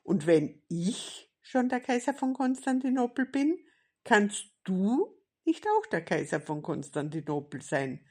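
A woman voicing a cheeky, excitable male puppet jester in a storybook reading, eager and boastful. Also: mid-range voice, a little slow, voice pushed up.

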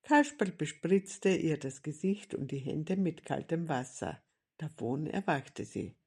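A woman narrating a children's storybook aloud, slow and deliberate. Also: low-pitched, expressive, darkish tone, slightly rough.

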